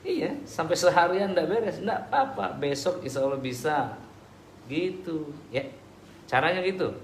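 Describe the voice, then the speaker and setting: A man preaching and answering audience questions in a relaxed, conversational way with everyday examples. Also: a little high, measured pace. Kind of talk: casual religious Q&A talk. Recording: echoey room with background noise.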